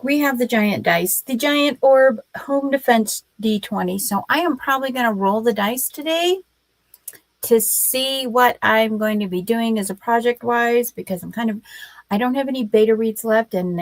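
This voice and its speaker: Hosting a casual writing livestream, a woman speaks slowly and haltingly, pausing often, her voice scratchy from a cold. Her pitch is medium, and the recording is dry.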